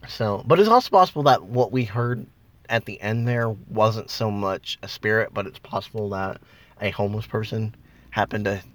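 A man's voice: lowish voice, moderate pace, a bit bright. A man casually telling ghost-hunting stories, rambling with many ums and likes, recorded in a parked car. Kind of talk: casual ghost story chat.

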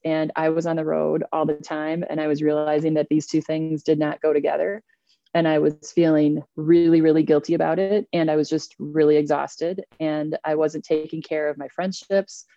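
Middle-aged woman guest, low and mellow, candid storyteller; dull dry lo-fi recording. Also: gravelly, no echo. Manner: reflective, animated retelling with quoted asides. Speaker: interview guest.

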